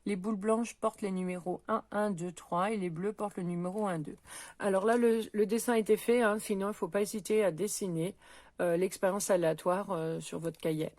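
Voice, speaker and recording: A woman teaching a middle school math lesson, working through probability exercises out loud in a patient, step-by-step way with many small hesitations. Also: medium pitch, steady tone, brisk, dry recording. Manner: patient, talks while counting and pointing things out, frequent "euh" and "donc". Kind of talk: recorded lesson, correcting exercises aloud.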